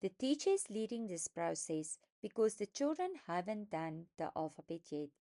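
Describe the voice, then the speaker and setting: A woman explaining a phonics lesson, speaking deliberately and stressing each sound as she sounds out words for young learners. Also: medium pitch, big pitch swings, warm tone. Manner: slow, deliberate, emphatic teaching voice, sounding out words. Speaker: phonics teacher trainer. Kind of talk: instructional lesson narration.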